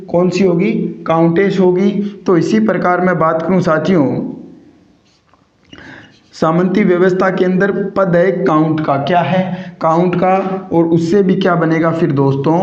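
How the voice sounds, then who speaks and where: Echoey, dull lo-fi room audio carries a man lecturing on grammar, asking his class questions he then answers and restating each important point. He has a high voice with a darkish tone.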